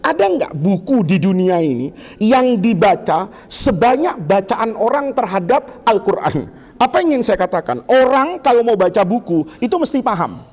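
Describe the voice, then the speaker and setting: A middle-aged Indonesian man giving an Islamic lecture to students in a lively, teasing way, asking them questions. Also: high voice, normal speed. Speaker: Islamic teacher. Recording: long hall reverb.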